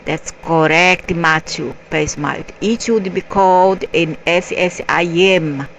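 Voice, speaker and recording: A woman reading a story aloud in a halting way, spelling out word endings letter by letter. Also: on the low side, a bit bright, a little hiss or hum, rough recording. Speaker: narrator.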